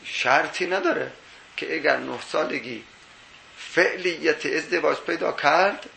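A man lecturing on jurisprudence with a heavily gravelly, bright, slightly high voice. He reasons point by point, weaving in Arabic quotations and rhetorical questions. The sound is roomy, as in an echoey classroom. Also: a little hiss or hum. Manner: explains step by step, quoting Arabic texts and asking rhetorical questions. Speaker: teacher of Islamic jurisprudence.

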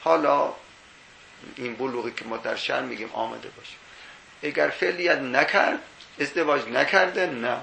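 A man's voice: mid-range voice, vocal fry, sharp tone, reverberant, slight background noise, rough recording. A man teaching Islamic jurisprudence in a seminary lecture. He explains step by step, quoting Arabic texts and posing rhetorical questions.

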